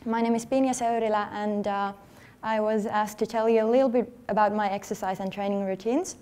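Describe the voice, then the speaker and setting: Woman, 30s, warm smooth voice, earnest conference talk, a bit halting. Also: medium pitch, steady tone. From Finland. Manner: earnest, conversational, slightly halting. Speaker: athlete speaking at a workshop. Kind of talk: conference presentation. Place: conference hall.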